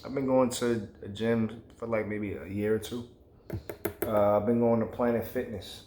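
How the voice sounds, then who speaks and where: A man's voice: on the low side, steady tone, normal speed, dark tone, reverberant, slight background noise. A man vlogging, giving his opinions in a casual, emphatic, rambling way with plenty of slang.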